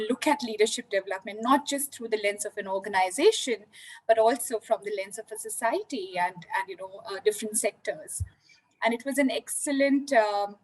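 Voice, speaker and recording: Woman panelist on a video call, somewhat high voice, thoughtful, filler-heavy delivery. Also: low-quality recording. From India. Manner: reflective, many "you know" fillers. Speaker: panelist, leadership development. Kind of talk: virtual panel discussion.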